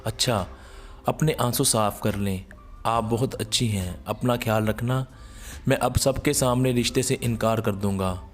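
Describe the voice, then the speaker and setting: A man playing a gentle young suitor. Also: on the low side, unhurried, lightly acted. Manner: gentle, affectionate.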